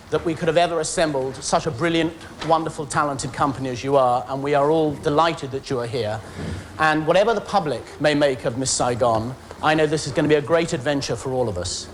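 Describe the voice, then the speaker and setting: A man's voice: a little high, fairly quick, slight background noise. A theatre producer giving an upbeat, gracious welcome speech to his company in a rehearsal room.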